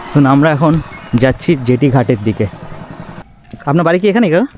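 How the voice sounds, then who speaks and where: A man's voice: a little high, very animated, brisk, darkish tone, a little hiss or hum. Man narrating a village walking tour. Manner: points things out to viewers, asks locals. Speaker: travel vlogger. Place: outdoors by a river, village path and boat.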